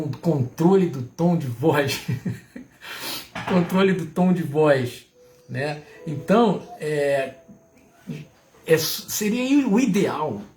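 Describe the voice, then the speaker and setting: A middle-aged Brazilian man speaks in a fairly high, lively voice that rises and falls widely. He talks casually to his live viewers and closes many phrases with a questioning tag. The room adds a noticeable echo. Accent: Brazilian Portuguese. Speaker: host of a reflection livestream. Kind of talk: reflective talk to live viewers.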